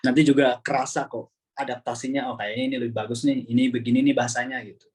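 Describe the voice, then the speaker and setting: A man teaching an online Arabic class over a video call, relaxed and chatty, often repeating words as he explains. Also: mid-range voice, fast.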